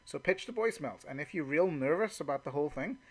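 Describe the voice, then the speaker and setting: With a fairly high, expressive voice and a quick pace, a man who works as a network marketing trainer talks informally through call examples. It's unscripted and conversational, with "you know" coming up often.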